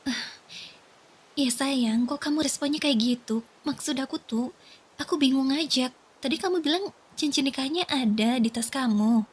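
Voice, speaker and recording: A young woman voicing a worried wife who gently questions her husband, in a soft whispered role-play. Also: sits high, moderate pace, natural voice. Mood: confused. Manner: gentle, coaxing, pleading.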